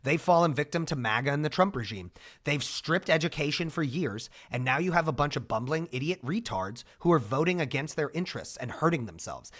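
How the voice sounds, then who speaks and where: A young man talking casually to his livestream chat, his pitch bouncing up and down as he goes. He is restless and jokey, and he swears when things go wrong. His voice sits a little on the high side for a man. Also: lively intonation, a little fast, fairly bright tone. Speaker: streamer.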